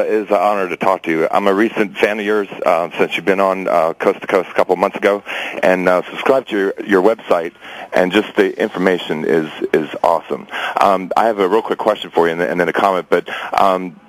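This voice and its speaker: A man's voice: low voice, fairly quick, poor audio. A man calling into a radio show, eager and polite, asking a question with many fillers. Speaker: caller. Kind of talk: call-in question.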